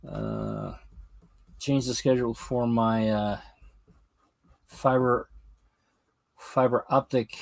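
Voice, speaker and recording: A man hosting a hobby livestream, talking slowly and haltingly as he works on a craft project. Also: medium pitch, no room sound. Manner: slow, halting, thinking aloud while working. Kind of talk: casual livestream commentary while crafting.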